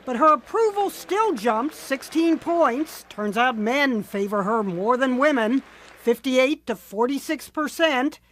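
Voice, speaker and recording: A woman's voice: high voice, expressive, unhurried, fairly bright tone, a little hiss or hum. A woman reporting a light news feature in a wry, playful scripted delivery. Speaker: news correspondent.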